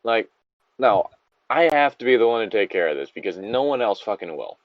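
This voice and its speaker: Fairly low-pitched and sing-song, this man talks fairly quickly on a lo-fi recording without echo. As a podcast co-host, he reads a story aloud and comments on it, cursing freely and wandering off on tangents in a casual chat.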